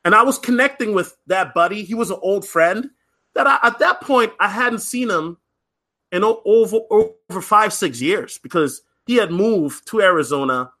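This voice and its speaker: A man with a high, bright voice tells a personal story in a loose podcast monologue. His pitch swings widely, and he is chatty, with fillers, restarts and a habit of asking "right?". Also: normal speed. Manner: lively, acts out other people's lines. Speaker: podcast host.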